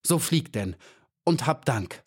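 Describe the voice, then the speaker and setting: A man reading aloud, voicing a proud, rough male hornet guard with a blunt manner. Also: medium pitch, animated, takes it slowly, pitched above the performer's own voice. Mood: pleading.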